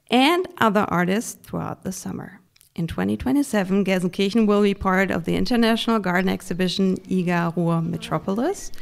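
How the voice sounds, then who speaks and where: A woman's voice: mid-range voice, creaky. A woman hosting a podcast, delivering scripted conversational narration in English. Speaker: podcast host.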